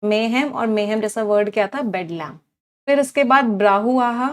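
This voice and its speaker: A woman's voice: on the high side, normal speed. A woman teaching an online English vocabulary class, repeating her cues and asking her students questions. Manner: drills words aloud with repeated cues, asks students questions.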